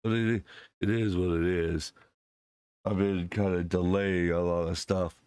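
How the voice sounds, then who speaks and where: A man hosts his channel while sick, his voice deepened by illness, chatting casually with viewers through many fillers and restarts. He speaks unhurriedly with fairly even intonation and a darkish, clean tone. The recording is dry, and his desk microphone clips when he gets too close.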